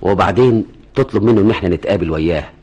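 Scheming Egyptian crook, low husky voice, quick. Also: male voice, a little mellow, highs cut off. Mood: calculating. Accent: Egyptian Arabic. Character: scheming crook giving instructions. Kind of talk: radio drama acting.

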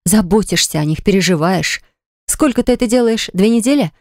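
A woman narrator voicing a stern, sharp-tongued young woman who scolds and mocks in an audiobook. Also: medium pitch, expressive, brisk, dry recording, clean studio sound, voice pushed up, close to an everyday voice. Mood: mocking. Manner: mocking, scolding.

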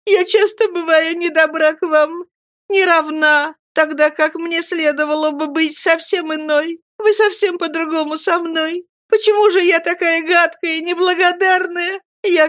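A woman's voice: fairly even intonation, normal speed, hardly any pauses, dry recording, studio quality, close to an everyday voice. A woman reading an audiobook, voicing a tearful, fragile young woman who pleads through her sobs. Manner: sobbing, high and pleading.

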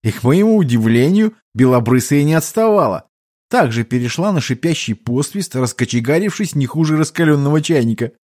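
A man narrating a fantasy novel as an audiobook, in a wry, expressive reading voice. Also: fairly high pitch, a little fast, dry recording, clean studio sound.

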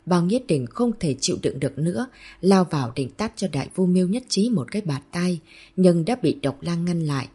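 A woman narrates a novel in a steady, even storytelling manner. Her voice is low and mellow. It has a noticeably husky, breathy grain. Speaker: audiobook narrator.

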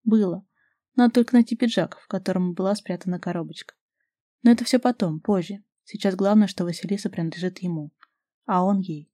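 Warm-voiced woman reading a romance novel. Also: medium pitch, fairly quick, no echo, studio quality. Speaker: audiobook narrator.

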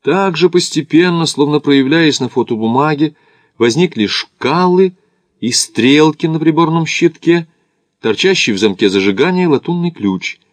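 A man narrating an audiobook in a measured literary reading. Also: a little high, expressive, no echo.

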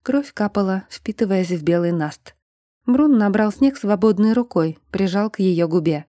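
A woman reads a novel aloud at a steady, measured pace, her voice mellow and darkish. The sound is dry and close to the microphone. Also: mid-range voice, no room sound. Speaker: audiobook narrator. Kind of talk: scripted narration.

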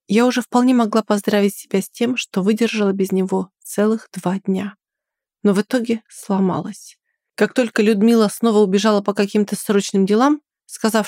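A woman reading a first-person story aloud in a quiet, restrained way. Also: medium pitch, no room sound, studio quality. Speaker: audiobook narrator.

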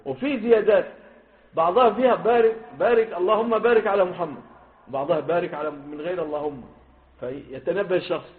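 Man, Egyptian Arabic accent, fast lively teaching, high voice, tinny phone-like sound. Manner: lively, stresses quoted wordings, asks the class questions. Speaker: sheikh teaching hadith. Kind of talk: classroom hadith lesson. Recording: phone-like lo-fi recording.

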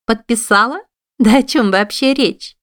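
A woman reading an audiobook, voicing a haughty, hot-tempered young lady who shouts in indignation. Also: fairly high pitch, unhurried, pitched above the performer's own voice. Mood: indignant.

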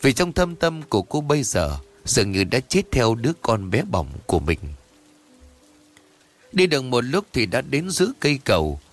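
A man narrating a ghost story in a lively, expressive storytelling manner. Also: medium pitch, moderate pace, soft background music.

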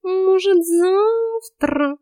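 A lazy, chatty tomcat from a storybook, put on by a woman narrator, whining and grumbling in a sleepy drawl. The voice sits up high and sounds pinched and unlike her own. It is recorded close and dry, with no room sound. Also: very slow, dark tone, dry recording, full character voice. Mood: whiny grumbling. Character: lazy talkative male house cat, grumbling.

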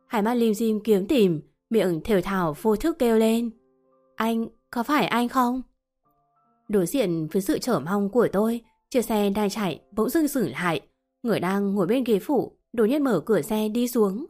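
A woman narrating a first-person novel as an expressive audiobook reading. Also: mid-range voice. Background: faint music.

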